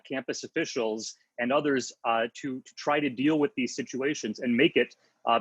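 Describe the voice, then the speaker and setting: A man's voice: mid-range voice, fairly bright tone, husky, dry recording. A man speaking as a lawyer on a panel discussion, earnest and advocating, over a video call. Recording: dull, dry lo-fi audio.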